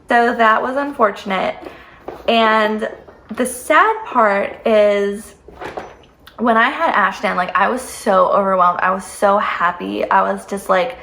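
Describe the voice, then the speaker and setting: A woman's voice: mid-range voice, fairly bright tone, a little hiss or hum. A young woman in her twenties telling a personal story in a sit-down vlog, heartfelt and near tears, with many "like" fillers. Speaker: vlogger. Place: home, seated.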